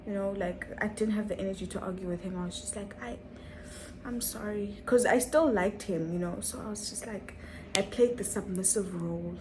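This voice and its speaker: A woman's voice: mid-range voice, a little fast, a little mellow, a little hiss or hum, poor audio. A young woman telling a dramatic story on her vlog, full of rhetorical questions and repetition. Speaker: vlogger.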